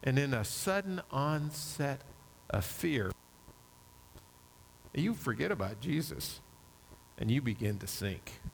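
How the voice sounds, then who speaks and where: A man's voice: medium pitch, big pitch swings, slow pace, gravelly, long pauses, slight background noise, poor audio. A man preaching a sermon, retelling a Bible story vividly in the second person.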